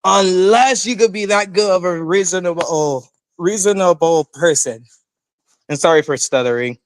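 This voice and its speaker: A young man chatting casually on a stream, rambling and halting with lots of fillers. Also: high voice.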